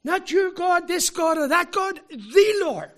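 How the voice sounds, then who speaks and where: A man from Ireland, preaching a sermon with emphatic rhetorical questions and deliberate pauses. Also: very high-pitched, animated, a bit bright. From Northern Ireland.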